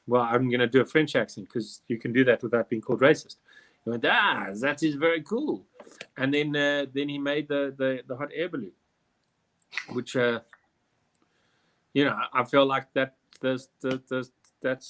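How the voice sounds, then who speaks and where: A man, hosting a live online quiz in a chatty, rambling way with jokey asides. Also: medium pitch. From South Africa. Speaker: quiz host. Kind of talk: casual live quiz chat.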